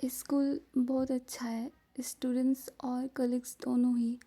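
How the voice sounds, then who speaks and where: A woman voicing a shy, polite young female schoolteacher who answers quietly and softly. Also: sits high, little pitch movement, a little slow, a little hiss or hum.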